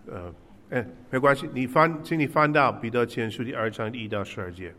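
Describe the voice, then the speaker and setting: A man preaching in short, halting, conversational phrases, pausing for an interpreter. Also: mid-range voice, fairly bright tone. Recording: echoey hall with long reverb.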